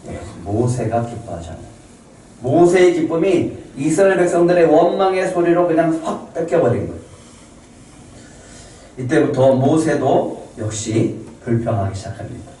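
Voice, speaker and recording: This is a pastor with a dark-toned, mid-range voice, giving a sermon where he asks his congregation questions and waits to hear them answer. It was captured in a church sanctuary from a distant mic, with heavy echo and a little noise.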